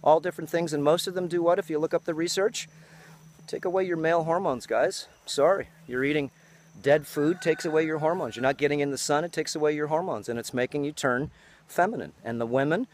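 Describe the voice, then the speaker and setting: A man's voice: on the high side, fairly quick. A man in his fifties giving an outdoor lecture on a farm, often adding "okay?" after his points. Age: 50s.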